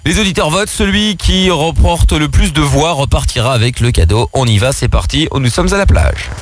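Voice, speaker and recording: A man's voice: a little high, expressive, moderate pace, no room sound, faint music behind. A man hosting a radio call-in show, talking loosely with lots of fillers as he explains the rules. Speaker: radio host.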